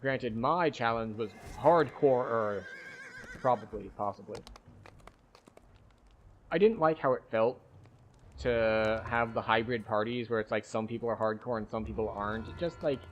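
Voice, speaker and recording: A man's voice: mid-range voice, a little slow, long pauses, lo-fi sound, slight background noise. A man giving casual gaming commentary and chatting with viewers in a rambling, wry, self-deprecating way. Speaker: game streamer.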